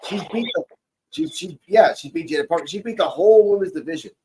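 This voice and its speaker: A man's voice: high voice, animated, quick pace, mellow, a little hiss or hum, poor audio. Profane rambling man in his forties. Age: 40s. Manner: loose, profane, rambling recaps. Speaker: podcast co-host. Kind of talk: casual wrestling review chat.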